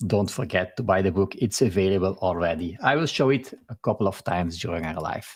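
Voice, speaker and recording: A man with a Belgian accent hosts a live stream interview over a video call. His voice is husky and breathy. He talks in a halting, friendly way, restarting and filling his sentences. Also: sits low. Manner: halting, with many fillers and restarts.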